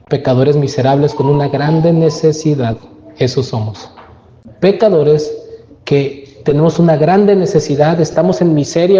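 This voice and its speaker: A man's voice: on the high side, dark tone, roomy sound, long reverb tail, lo-fi sound. A man preaching a sermon as pastor, emphatic and full of rhetorical questions. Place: church.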